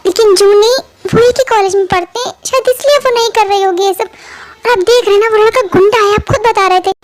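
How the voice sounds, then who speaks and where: A gentle, caring mother who soothes and reasons softly, voiced by a woman. The voice is very high. It is a fan-made audio drama dub. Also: fast. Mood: coaxing.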